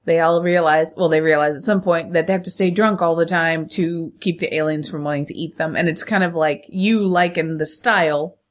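A woman with a fairly low voice and a stuffy, cold-blocked nose chats casually as a podcast co-host. She jokes bluntly and speaks freely, in an off-the-cuff way. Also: fairly even intonation, fairly quick, hardly any pauses. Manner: joking, blunt, swears freely. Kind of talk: casual banter and film chat.

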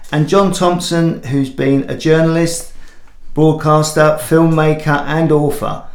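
A man's voice: a little high, flat delivery, unhurried. Male podcast host, roomy sound. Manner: brief encouraging backchannels. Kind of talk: hosting an interview. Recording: roomy sound with faint music.

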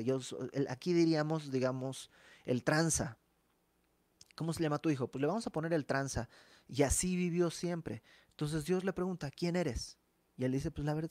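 A man preaching a sermon, teaching a Bible passage in an animated way with asides to the listener. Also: medium pitch, no echo.

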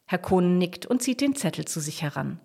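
A woman reads a children's story aloud with an expressive, storytelling manner. Her pitch moves in a lively way, rising and falling through the sentences. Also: moderate pace, creaky, breathy edge. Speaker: narrator.

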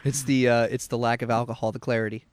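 A man's voice: medium pitch, little pitch movement, fast, no room sound. Young man, teasing podcast co-host, dry close mic. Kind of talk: casual podcast chat.

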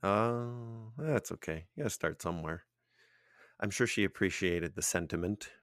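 A man with a very deep voice co-hosts a casual podcast chat. He is playful and jokey, and often drops in goofy asides. The sound is dry and close-miked. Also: normal speed, fairly bright tone, no room sound. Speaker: podcast co-host.

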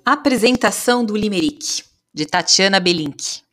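A woman's voice: medium pitch, lively intonation, normal speed, a bit bright. A woman reading limericks aloud for children in a playful storyteller manner, speaking directly to the listener.

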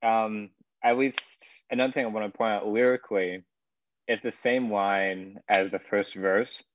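A man co-hosting a music breakdown, talking about music theory and production in relaxed, loosely phrased sentences. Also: lowish voice, unhurried, dull audio, a little hiss or hum. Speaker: music analysis co-host. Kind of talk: casual analytical chat.

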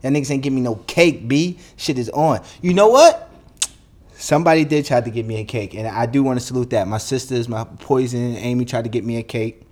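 Brief: heated, foul-mouthed young New guy, solo podcast host, mid-pitched voice. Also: brisk, a little mellow. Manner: profane, blunt, heated ranting.

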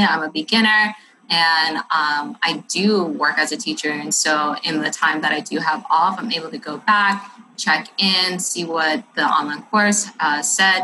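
A woman's voice: low-pitched, pushed and bright, a little hiss or hum, rough recording. A woman who teaches and writes books, giving an earnest, chatty testimonial full of faith talk and fillers. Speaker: teacher and author.

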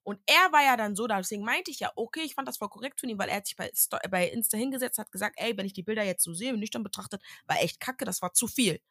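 A young woman co-hosting a casual podcast, talking in blunt, slangy bursts as she argues her take. Her voice is bright and a little tense. The sound is dry, with no room around it. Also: medium pitch, quick pace, few pauses, slightly rough, no echo. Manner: blunt, slangy, animated opinions. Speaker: podcast co-host. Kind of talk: casual chat.

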